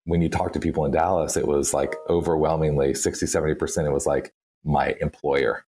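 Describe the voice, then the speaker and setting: This interview guest, a campaign strategist from Texas with a Texan accent, has an extremely low voice with little pitch movement, a warm tone, and a slightly fast pace. He's chatty, thinking aloud and filling his talk with "like" and "you know". Slight background noise can be heard.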